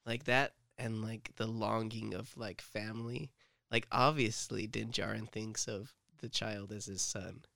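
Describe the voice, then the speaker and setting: Gravelly low-voiced man rambling casually. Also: fairly even intonation, measured pace, bright, forceful tone, no echo, clean studio sound. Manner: rambling, filler-heavy, joking. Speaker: podcast co-host. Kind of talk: casual fan discussion.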